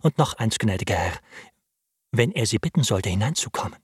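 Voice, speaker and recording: A man voicing an anxious old butler, husky. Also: fairly low pitch, expressive, a little fast, no echo, studio quality. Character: anxious, loyal older male butler.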